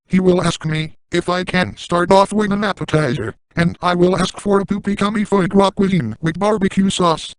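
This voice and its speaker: A man's voice: sits high, clear, resonant tone, no room sound, close to an everyday voice, poor audio. A man voicing a crude, boastful grown man in a brash comic monologue.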